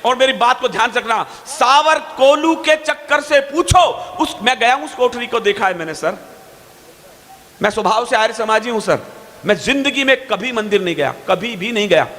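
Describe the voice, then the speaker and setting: A man's voice: high-pitched, brisk, sharp tone, in a large hall. A man reciting poetry from a stage at a poetry gathering, fiery and emphatic, stretching out his key lines. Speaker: poet.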